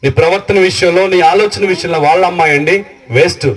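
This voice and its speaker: A man's voice: sits high, fairly even intonation, quick pace, far from the mic, low-quality recording. A man preaching a revival sermon to a village gathering, with a rising, repetitive cadence and rhetorical questions.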